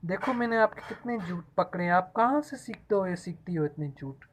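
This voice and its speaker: A woman's voice: fairly low pitch, animated, fairly quick, a little hiss or hum. A woman questioning a little girl in a persistent, teasing way in a casual family video. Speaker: parent questioning a child.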